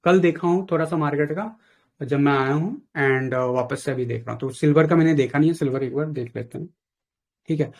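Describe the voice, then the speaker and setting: Man, blunt advice, casual chat, raised pitch. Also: fairly quick, darkish tone. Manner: blunt, advising, mixes in English phrases. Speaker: trading mentor. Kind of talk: casual live chat with a caller.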